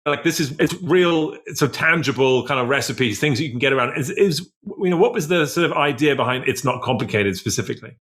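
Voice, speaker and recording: A man's voice: medium pitch, expressive, fairly bright tone. A man co-hosting a podcast, asking rambling questions in a casual interview chat. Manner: rambling, halting restarts. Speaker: podcast co-host.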